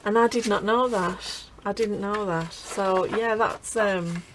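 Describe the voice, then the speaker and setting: A woman's voice: medium pitch, fairly even intonation, slow, slight background noise, rough recording. Chatty, laughing woman. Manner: chatty, laughs often, trails off and restarts. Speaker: craft channel host. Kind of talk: casual crafting chat.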